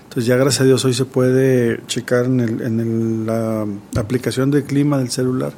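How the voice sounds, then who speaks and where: A man's voice: mid-range voice, little pitch movement, moderate pace, mellow, slight background noise. A man co-hosting a casual radio chat, speaking straight to listeners. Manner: addresses listeners directly.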